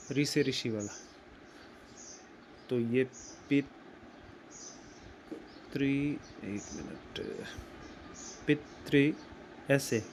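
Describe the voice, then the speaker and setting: A man teaching grammar, explaining slowly and deliberately and repeating words as he writes them out. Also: medium pitch, a little mellow, a little hiss or hum. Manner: slow and deliberate, repeats words while writing. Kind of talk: explaining at a whiteboard.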